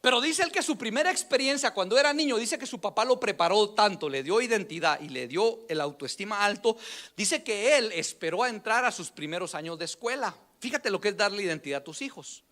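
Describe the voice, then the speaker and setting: A man preaching a storytelling sermon in church, acting out quoted voices with shouts and laughs. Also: sits high, expressive, fairly quick.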